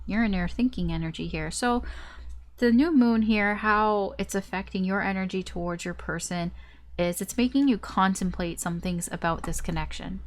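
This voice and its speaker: A woman giving a casual, rambling tarot reading, her voice stuffed up and nasal as if pinching her nose. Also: fairly low pitch. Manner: rambling, repetitive, circling back over phrases. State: congested with a blocked nose. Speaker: tarot reader.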